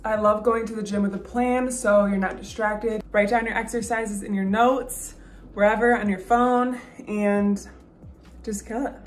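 A woman's voice: fairly high pitch, reverberant. A young woman in her twenties vlogging her workout plan and coaching exercise technique in a bubbly, chatty way. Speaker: fitness vlogger. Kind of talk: upbeat workout vlog and exercise instruction. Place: home, then car, then voice-over on gym clips. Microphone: phone camera at arm's length.

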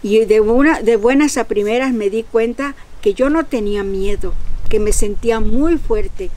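A woman's voice: on the high side, moderate pace, warm tone, a little hiss or hum. An older woman giving a simple, earnest and devout personal testimony. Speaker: channel host.

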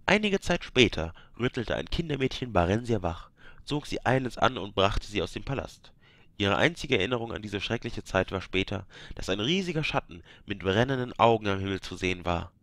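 A man's voice: on the low side, expressive, brisk, a bit bright, no room sound. A man reading a fantasy game book aloud, breaking off now and then to joke with listeners. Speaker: reader of game books. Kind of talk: reading aloud with joking asides.

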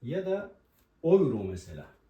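A man teaching a language lesson at a board, explaining pronunciation and slowly repeating each example word. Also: mid-range voice, huge pitch swings, warm tone. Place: room with a writing board. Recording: roomy echo, voice from a distance.

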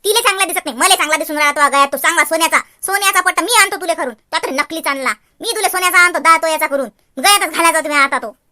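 A woman voicing a shrill, scolding village mother-in-law. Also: racing, few pauses, bright, forceful tone, exaggerated voice. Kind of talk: cartoon voice acting.

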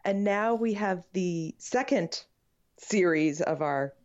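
A woman's voice: on the low side, expressive, slow, a little mellow, muffled recording. A woman co-hosting a podcast, chatting casually with a wry, joking manner. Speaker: podcast co-host.

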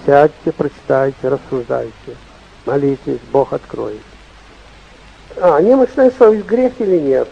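An older man, in his sixties or beyond, preaching an informal, emphatic sermon with repeated phrases and a raspy voice, speaking at a stand microphone. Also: on the high side, dark tone, highs cut off. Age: 60s or older. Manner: emphatic, repetitive, acting out short anecdotes and dialogue. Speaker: bishop preaching. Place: stage of a hall, indoors.

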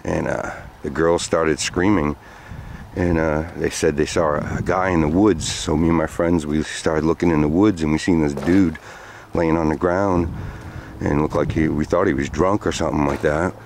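Man in his forties, extremely low voice, loose rambling storyteller, outdoor walk, faint background hiss. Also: fairly even intonation, normal speed, a little mellow. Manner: rambling, loose with many fillers. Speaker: vlogger. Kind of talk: walking storytelling vlog. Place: outdoors on sandy trails by woods.

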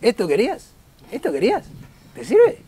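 A man's voice: extremely high pitch, huge pitch swings, moderate pace, warm tone, full character voice. A man voicing a cheeky male puppet with a Rioplatense Argentine accent, greeting a crowd with crude, teasing banter.

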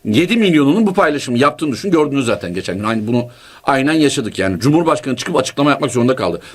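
A man's voice: big pitch swings, quick pace. A man giving an emphatic political commentary monologue, firing rhetorical questions and walking through numbers step by step. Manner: emphatic, rhetorical questions, sudden pitch jumps.

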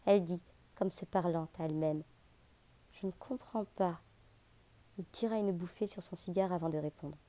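A woman narrating a literary audiobook in a measured, expressive reading. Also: lowish voice.

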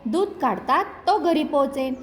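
A woman's voice: high voice, lively intonation, a little slow, in a large hall, a little hiss or hum. A woman doing a proud, fearless village landlord. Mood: dismissive. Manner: brushing off warnings, then begging robbers.

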